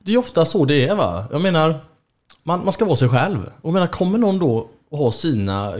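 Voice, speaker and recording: A man's voice: fairly high pitch, sing-song, darkish tone. A man co-hosting a podcast in casual chat, rambling and joking with lots of filler words. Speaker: podcast co-host.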